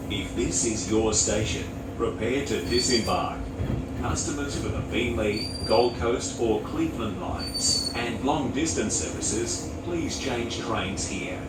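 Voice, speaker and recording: A man making formal prerecorded train announcements, his words spliced together, heard over a carriage loudspeaker. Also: slow. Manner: formal, evenly paced announcing. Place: inside a moving train carriage. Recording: echoey loudspeaker from far off, loud train noise. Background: train rumble and air conditioning.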